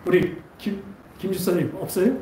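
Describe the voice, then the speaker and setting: High-voiced pastor in an echoey church. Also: male voice, normal speed, warm tone, a little hiss or hum. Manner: asks the congregation many questions. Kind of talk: sermon. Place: church sanctuary. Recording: echoey church hall from far off.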